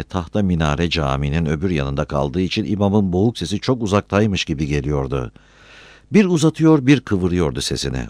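A man narrating a novel as an audiobook, with expressive storytelling. His voice is low yet swings widely in pitch. The recording is dry and close, with no room sound. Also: dry recording.

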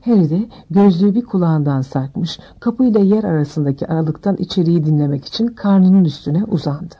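A woman narrating an audiobook in a steady, measured reading. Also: on the low side, slightly rough, dull audio.

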